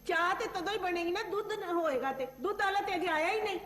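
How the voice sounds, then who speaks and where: A patient soothing housewife. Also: female voice, very high voice, fast, fairly bright tone, roomy sound. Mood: placating. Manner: soothing, placating. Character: patient middle-aged wife and mother. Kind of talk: 1980s TV drama acting.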